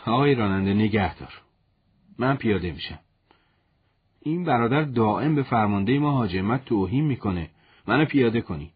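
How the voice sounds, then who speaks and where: Brief: man doing an earnest young soldier, touchy and loyal, low husky voice in a storybook. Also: narrow, tinny audio. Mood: indignant. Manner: indignant, protective of his commander.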